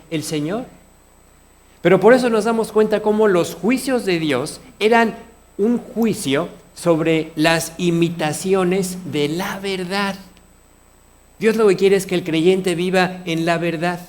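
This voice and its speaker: A man's voice: high-pitched, takes it slowly, a little mellow. A man with a Mexican Spanish accent preaching a sermon, earnest, often asking his congregation questions. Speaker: pastor.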